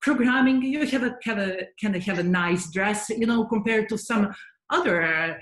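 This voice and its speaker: A woman's voice: medium pitch, moderate pace, reverberant. A woman in her forties from Serbia with a Serbian accent, answering interview questions earnestly and thoughtfully, with frequent hesitations. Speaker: guest, head of software development.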